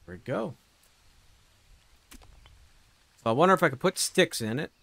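A man streaming a survival game mutters and wonders aloud, unsure of himself, in casual commentary. His voice is a little high, creaky and a bit bright, expressive at a measured pace, with no echo.

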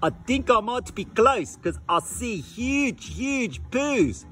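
A man's voice: extremely high pitch, big pitch swings, slow, fairly bright tone, full character voice. A man playing an overwrought doll husband lost on safari in a comic skit, talking theatrically over faint music. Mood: frantic.

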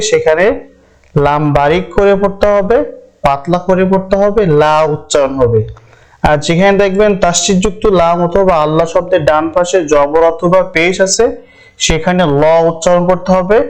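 Man, recitation teacher; smooth, slightly high voice, patient and repetitive. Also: low-quality recording. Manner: patient, repeats each rule slowly. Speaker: Quran reading teacher. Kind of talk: step-by-step recitation lesson.

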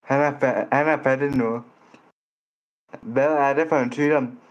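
A man's voice: mid-range voice, steady tone, highs cut off. A man vlogging as he chats with strangers online, blunt and teasing, often tripping over his words and starting sentences again. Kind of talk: casual chat.

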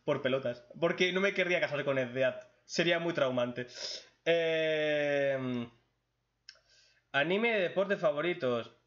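A man's voice: a little high, unhurried, a bit bright. Blunt Spanish-man in lo-fi chat. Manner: blunt, crude, joking, reads questions aloud then answers. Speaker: YouTube host answering viewer questions. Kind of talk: casual Q&A chat.

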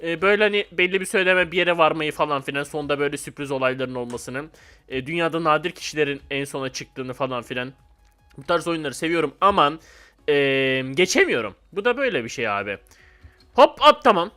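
Young man, Turkish accent, gaming commentary, high-pitched, bright, yelps when he fails. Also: quick pace, faint music behind. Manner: excitable, frustrated, yelps and exclaims at fails. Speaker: gaming YouTuber. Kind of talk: casual gameplay commentary.

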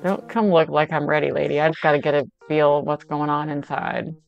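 A woman's voice: deep voice, little pitch movement, fairly quick, vocal fry, dull audio, music in the background. A middle-aged woman playing a video game for the first time, chatting playfully and talking to the game's characters. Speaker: gamer's mother playing a game. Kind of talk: casual play-along chat.

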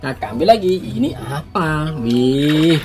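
Animated, playful woman hosting for kids. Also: sits low, a little slow, music in the background. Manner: exclamatory, playful, like a kids' party magician presenting surprises. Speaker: children's toy video host. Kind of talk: scripted-sounding kids' toy reveal narration with magic-word exclamations.

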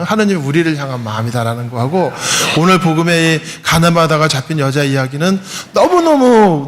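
A man, a parish priest, delivers a homily with a slightly raised voice and a chatty, questioning manner. His voice carries through a large church hall with long reverb, and a faint hum sits behind it. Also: a little high. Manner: conversational preaching, often asks the congregation to respond. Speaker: pastor. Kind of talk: sermon.

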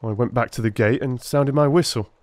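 A man's voice: mid-range voice, fairly quick, darkish tone, dry recording, natural voice. A man as a touchy police constable. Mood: amused. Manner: colloquial, aggrieved, blunt. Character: plain-spoken, touchy male London police constable.

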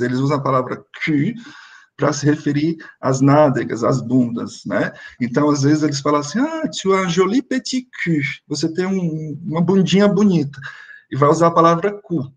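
A man with a husky, slightly breathy voice teaches a class over a video call. He explains things patiently, step by step, and checks in with his students often. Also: on the high side. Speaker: French teacher.

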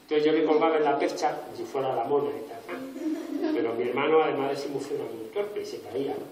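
A man from Spain tells jokey stories to schoolchildren and acts out the voices as he goes. He sits well back from the mic, and his voice rings through a very echoey room. A loud crowd of children fills the background. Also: medium pitch, fast talker, far from the mic. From Spain, Extremadura. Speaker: illustrator visiting a school. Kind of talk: storytelling talk to schoolchildren. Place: school hall or classroom.

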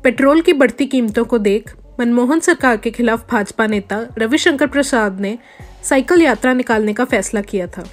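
Female news narrator, slightly high voice, faint music under, measured scripted read.

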